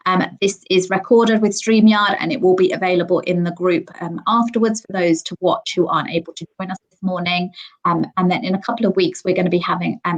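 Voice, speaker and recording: A woman in her forties welcomes viewers to a live online panel on a computer mic at home. She talks in a chatty, upbeat way, full of ums. Her voice sits low, with a gravelly edge. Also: rough recording. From Sri Lanka, raised in England. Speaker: host. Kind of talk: live webinar hosting.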